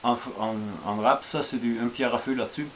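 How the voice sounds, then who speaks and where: A man with an Austrian accent talks through his survival gear in a loose, halting way, full of fillers and restarts. His voice sits at an ordinary pitch for a man. A faint hiss runs under the recording. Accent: Austrian German. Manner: hesitant, many fillers and restarts, relaxed and informal. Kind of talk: casual show-and-tell vlog.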